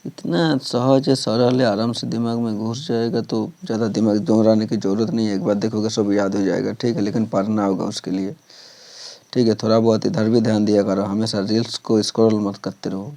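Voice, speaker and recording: A man's voice: on the low side, level tone, a little fast, mellow. A man teaching English grammar, explaining step by step, repeating points and often checking whether students have understood. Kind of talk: classroom explanation.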